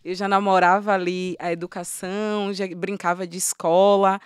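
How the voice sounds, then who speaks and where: A woman's voice: medium pitch, little pitch movement, moderate pace, clean tone, dry recording, studio quality. Woman hosting a podcast. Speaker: podcast host. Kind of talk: casual podcast conversation.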